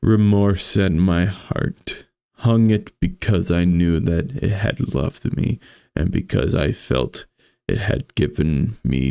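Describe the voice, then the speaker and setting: A man with a gravelly voice reads a horror story aloud as a streamer, with casual, foul-mouthed commentary. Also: low voice, mellow, no echo, studio quality.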